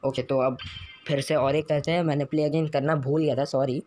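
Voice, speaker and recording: A man giving live commentary over his mobile game, excitable, groaning and shouting at what happens on screen. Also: a little high, brisk, soft background music. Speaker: gaming YouTuber.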